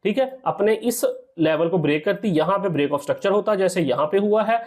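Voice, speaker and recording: A trading teacher with a high-pitched, slightly fast voice explains a trading strategy over a screen recording. He frequently checks in with "theek hai" and addresses viewers as "sir."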